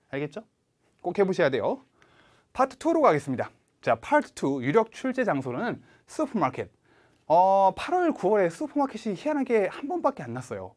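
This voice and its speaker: Man, test-prep teacher, animated coaching, lively pitch. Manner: animated, coaching, has viewers repeat after him. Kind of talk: online lecture.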